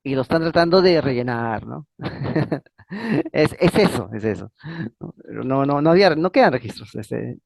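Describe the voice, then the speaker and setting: A man's voice: medium pitch, expressive, a little slow, vocal fry, darkish tone, no room sound. A man hosting his own channel, giving a casual history lecture. He rambles, repeats words, and keeps adding a questioning "no?" at the end of his phrases. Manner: frequent fillers and restarts. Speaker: channel host.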